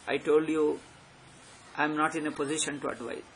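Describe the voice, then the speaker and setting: A man with a South Indian accent delivers an extempore spiritual discourse, exhorting his listeners emphatically and driving points home with short tag questions. His voice is on the high side, steady, fairly quick and fairly bright, with background noise behind it.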